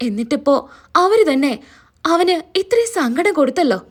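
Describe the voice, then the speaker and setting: Old shop guy sighing about his friend, woman voicing, highish. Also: sing-song, normal speed. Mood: lamenting.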